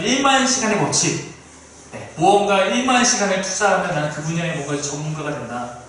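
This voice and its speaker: A male pastor preaching a sermon in an animated way, now and then acting out the people he quotes. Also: high voice, recorded from a distance, slight background noise. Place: small church sanctuary. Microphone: distant room mic. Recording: echoey room recorded from afar.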